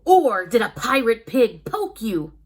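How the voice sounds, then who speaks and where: A woman's voice: fairly high pitch, big pitch swings, a little slow, husky, voice pushed down, heavily acted. A woman voicing a cheerful, silly narwhal superhero boy, reading a children's storybook aloud with a playful, joking manner.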